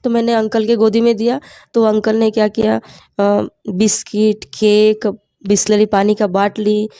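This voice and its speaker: Earnest woman with a creaky voice. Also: medium pitch, completely flat delivery, unhurried, dark tone, no echo, clean studio sound. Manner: earnest storytelling, often quoting her own prayers. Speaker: testimony speaker.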